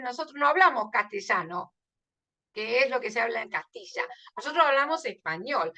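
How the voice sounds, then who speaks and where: A woman's voice: a little high, sharp tone. A woman explaining a literature lesson, emphatic and often checking in with her listeners. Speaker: literature teacher.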